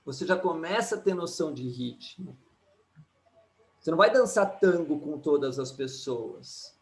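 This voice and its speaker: A man, an astrologer and numerologist, giving an animated live talk and often tagging his points with "né?". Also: fairly high pitch, measured pace. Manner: animated, keeps asking "né?", acts out quotes. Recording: echoey room.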